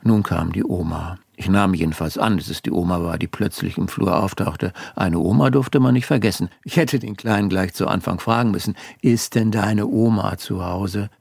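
A man's voice: low voice, a little fast, creaky, hardly any pauses, a little mellow, breathy edge, no room sound. A man narrating a first-person story in a dry, wry tone. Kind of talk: audiobook storytelling. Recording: dry close studio recording.

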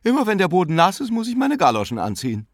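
Lively young wife, brisk and teasing, voiced by a male audiobook reader; close, dry sound. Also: high voice, dry recording, voice pushed up. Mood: amused.

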